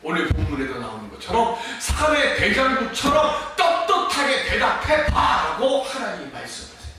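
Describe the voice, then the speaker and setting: Male pastor preaching, high lively voice, loud then hushed, big echoey church, bit far from the mic, faint hiss. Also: normal speed, over music. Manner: impassioned, swinging between loud emphatic and hushed delivery. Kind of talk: Sunday sermon. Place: church sanctuary.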